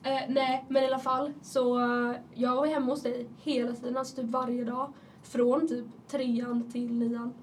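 Young woman with a cold, high voice, chatty anecdotes, faint background noise. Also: flat delivery, recorded from a distance. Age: young adult. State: has a cold. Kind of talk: casual chat.

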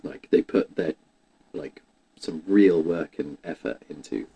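A man's voice: extremely low pitch, unhurried, creaky, dark tone, husky, low-quality recording. A man chatting casually about video games, rambling and restarting his sentences with lots of "like". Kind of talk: casual chat.

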